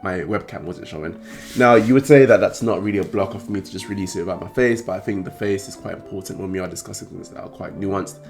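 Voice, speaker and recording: Croaky, deep-voiced man hosting a vlog. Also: fast talker, hardly any pauses, faint music behind. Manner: rambling, many fillers and restarts. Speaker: trading card game channel host. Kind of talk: casual talk to camera.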